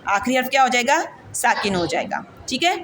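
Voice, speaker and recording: A woman with a Pakistani Urdu accent leads an online Quran reading lesson in a fairly high voice. She drills letters and vowel marks one by one and keeps quizzing her pupils, patient and repetitive. A faint hiss sits under the recording. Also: very animated, a bit bright. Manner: patient, repeats and asks the class questions. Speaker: Quran recitation teacher.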